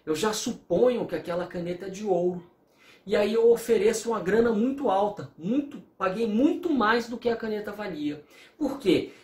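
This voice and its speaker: A man's voice: high-pitched, a little mellow, roomy sound. A man teaching a recorded law lecture, explaining through worked examples and acting out bits of quoted dialogue. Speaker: law professor.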